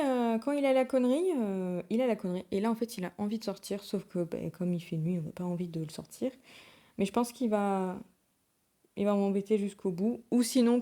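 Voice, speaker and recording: A young woman chats casually to camera in a mellow, dark-toned voice. She rambles and hesitates a lot, trailing off and restarting her thoughts. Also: mid-range voice. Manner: chatty, rambling, many hesitations. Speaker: book vlogger.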